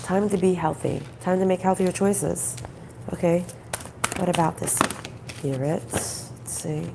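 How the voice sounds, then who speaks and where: A woman gives an intuitive card reading in a groggy, gravelly voice that sounds off from throat trouble. She speaks conversationally and haltingly, circling back over phrases and asking questions. There is faint noise in the background. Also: lowish voice. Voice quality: groggy, croaky voice. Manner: halting, repeats phrases, asks rhetorical questions. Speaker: spiritual card reader, host.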